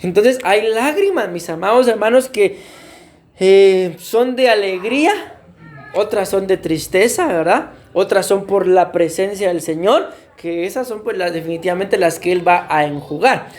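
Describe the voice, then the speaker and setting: A man's voice: high voice, animated, measured pace. A man preaching a sermon as pastor, often addressing his congregation as beloved brothers and putting questions to them. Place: church.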